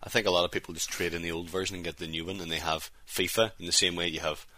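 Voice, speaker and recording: A man's voice: low-pitched, fairly even intonation, rapid-fire, bright, forceful tone, no room sound. A man co-hosting a casual podcast, giving blunt, scornful opinions. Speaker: podcast co-host. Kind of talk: casual chat.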